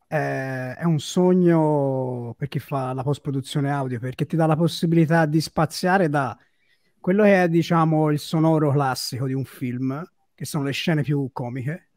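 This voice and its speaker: A man's voice: fairly high pitch, a little mellow, no echo, clean studio sound. A man who works as a sound designer, explaining his craft eagerly in a live stream interview.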